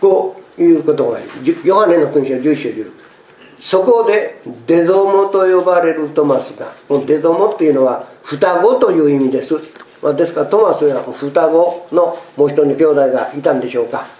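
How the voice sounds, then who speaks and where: A male pastor preaching a sermon to his congregation, expressive and acting out the quoted speech. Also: on the high side, fairly quick, roomy sound, lo-fi sound, a little hiss or hum.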